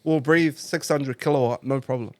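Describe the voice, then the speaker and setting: A man from Iraq, a car club member talking as a guest in a relaxed casual interview, laughing often and using slang fillers. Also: medium pitch, normal speed, no echo.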